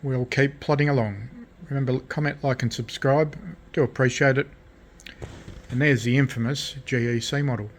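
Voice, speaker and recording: A radio restorer narrates a casual repair vlog from his home workshop bench while a rainstorm rages outside. Relaxed, at medium pitch and normal speed, he thinks aloud with fillers and restarts.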